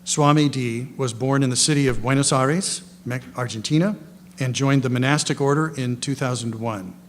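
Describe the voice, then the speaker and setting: A man's voice: mid-range voice, normal speed. Male event host, mid-range voice, rambling and folksy introductions, noisy echoing hall recording. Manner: rambling, self-correcting, folksy asides. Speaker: lecture host introducing guest panelists. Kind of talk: informal spoken introductions, partly read from notes. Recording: echoey hall, clear background noise and hum.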